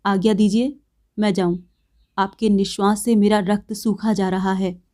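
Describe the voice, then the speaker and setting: A woman voicing a young man who speaks calmly, quietly and firmly in a read-aloud story. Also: medium pitch, measured pace, close to an everyday voice. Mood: stern. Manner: calm, quiet and firm. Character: calm, stern young man.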